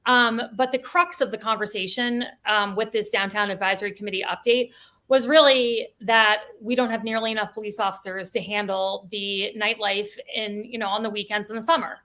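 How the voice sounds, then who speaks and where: A woman's voice: mid-range voice, steady tone, normal speed, pushed and bright. A woman co-hosting a local-politics podcast, talking casually with frequent "like" and trailing "I don't know.". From United States. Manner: chatty, lots of "like" and "I don't know". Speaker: podcast co-host.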